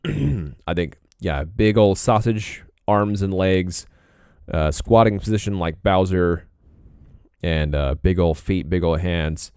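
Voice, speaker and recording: A young man chats casually on a live stream while drawing, laid-back and rambling from thought to thought, often clearing his throat. His low voice is smooth, clean, slightly mellow and slow. The recording is dry and close, with no room sound.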